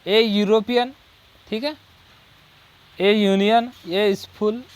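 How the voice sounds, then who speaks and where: Teaching English articles in Hindi, a male coaching teacher speaks in a high, steady, smooth voice. He reads example sentences in English slowly and drills with repeated rhetorical questions and "ठीक है."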